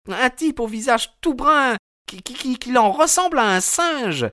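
A shrill fretful boatwoman. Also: a bit bright, no room sound, studio quality, exaggerated voice. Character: loud worried working-class boatman's wife. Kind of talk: audiobook character voice.

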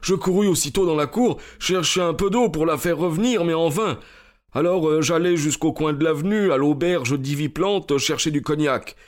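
A man's voice: on the high side, moderate pace, lightly acted. An actor playing a burly, sheepish male police constable who talks hesitantly and apologetically in a radio drama. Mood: apologetic. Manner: hesitant, apologetic, with filler sounds.

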